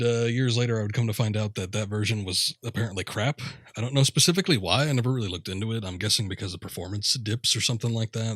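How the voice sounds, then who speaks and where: Casting: male game streamer, lowish voice, offhand and rambling, recorded close and dry. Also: a bit bright, no echo. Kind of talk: casual, rambling livestream chat.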